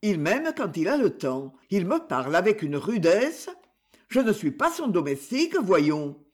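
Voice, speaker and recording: A man reading aloud voices a timid young husband, earnest and fearful, in a storybook. He speaks slowly and carefully, with a high, lively pitch. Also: heavily acted. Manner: earnest, hesitant.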